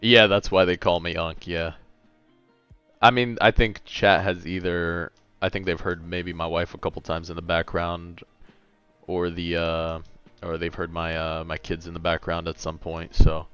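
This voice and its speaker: A man's voice: sits low, flat delivery, measured pace, a bit bright, clean tone, no room sound, muffled recording, faint music behind. A man in his late twenties chatting casually on a gaming livestream, laid-back and a bit tired, rambling as he answers chat. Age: late 20s.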